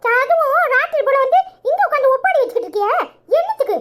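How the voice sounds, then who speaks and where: A sharp-tongued young cartoon daughter who teases and scolds, as a woman voices her. Her voice is very high and squeaky, with a Tirunelveli accent. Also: lively intonation, fast talker. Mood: scolding. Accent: Tirunelveli Tamil. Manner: teasing, scolding.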